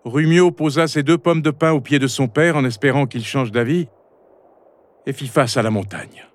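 A man narrating a children's storybook chapter in an expressive storytelling manner. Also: medium pitch, moderate pace.

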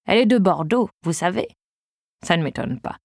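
A woman reading an audiobook, voicing a naive, chatty 81-year-old woman who talks in a rambling, gentle way. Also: lowish voice, big pitch swings, normal speed, vocal fry, no room sound, studio quality, full character voice.

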